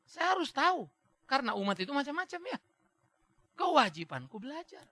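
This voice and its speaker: A man's voice: extremely high pitch, very animated, a little fast, bright, forceful tone, dry recording. A male pastor preaching a sermon who acts out little dialogues and drops in English phrases.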